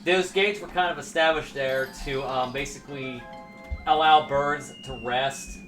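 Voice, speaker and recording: A man's voice: on the high side, fairly even intonation, unhurried, music in the background. A man giving casual let's play commentary as a gaming co-host. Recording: echoey room, distant mic, noisy.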